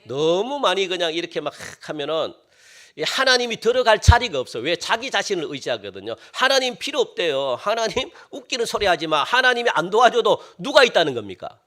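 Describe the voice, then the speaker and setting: A man preaching a sermon as pastor, with lively swings between loud exclamations and quiet asides. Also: sits high, a little fast.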